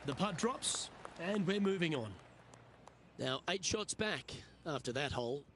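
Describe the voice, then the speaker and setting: A man's voice: fairly high pitch, animated, measured pace, noisy background. A man playing the lead golf commentator in a video game, calling each shot in short running updates over outdoor ambience. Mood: composed, observant.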